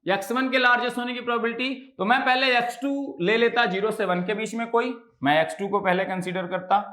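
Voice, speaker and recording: A man teaching an exam-prep lecture in a high, lifted voice. He fires off quiz questions and answers them himself, checking again and again that students follow. The sound is roomy and echoey. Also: fairly bright tone. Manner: keeps checking understanding with tag questions.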